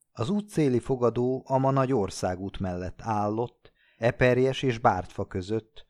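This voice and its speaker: Low-voiced male audiobook reader. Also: darkish tone. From Hungary. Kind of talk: scripted literary narration.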